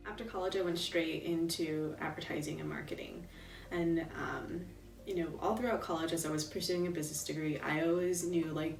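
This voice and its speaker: A young adult woman, a tarot reader being interviewed, reflects softly and thoughtfully on her practice, her low voice broken by frequent ums, you-knows, and pauses. She sits back from the mic in a roomy space, with music clearly audible behind her.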